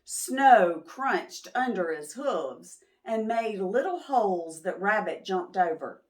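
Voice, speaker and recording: Very slow, animated woman storyteller. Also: mid-range voice. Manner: pauses to question and explain to young listeners. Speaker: children's storytime host. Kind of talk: expressive picture book read-aloud for preschoolers.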